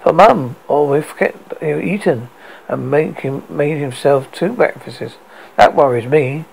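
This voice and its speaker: A British man voicing a worried adult daughter in a story, with a gravelly voice. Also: a little high, a little slow, rough recording. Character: worried adult daughter fretting over her ailing father. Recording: noticeable background noise.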